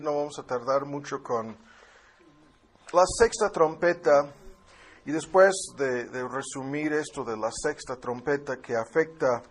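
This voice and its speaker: A man's voice: mid-range voice, slight background noise. Man teaching a Bible class. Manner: explains with tag questions and fillers; reads scripture aloud, then comments.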